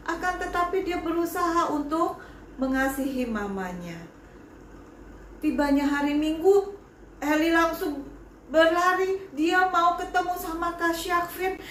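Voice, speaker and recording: A woman, a Sunday school teacher, telling a Bible lesson story to children in an animated way. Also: sits high, reverberant, slight background noise. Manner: animated, speaks to children directly. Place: church broadcast.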